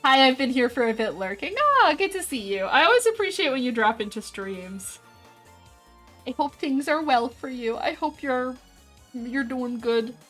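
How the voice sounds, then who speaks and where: A woman's voice: high voice, lively intonation, normal speed, a bit bright. Chatty young woman streamer, laughing often. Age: 20s. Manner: chatty, reads chat aloud, laughs often. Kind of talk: casual chat with viewers while drawing. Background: faint background music.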